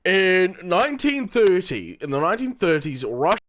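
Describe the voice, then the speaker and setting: Lively, rambling male game streamer. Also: high voice, normal speed. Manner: rambling, laughs often, repeats words. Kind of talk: casual gameplay commentary.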